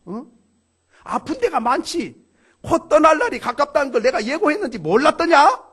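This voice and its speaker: A man voicing a stern male king who judges the dead, scolding and interrogating in a booming voice. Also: big pitch swings, moderate pace, a bit bright, heavily acted. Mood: thundering reproach.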